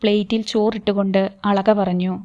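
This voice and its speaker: A woman narrating a novel as an audiobook, with slow, even storytelling delivery. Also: mid-range voice, muffled recording. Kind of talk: novel reading.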